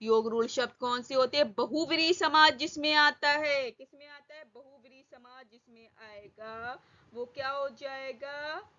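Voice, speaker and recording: Woman teacher, high bright voice, slow, repeats questions, slightly dull lo-fi sound. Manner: repeats questions to students, drawn-out words. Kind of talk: exam-prep lesson.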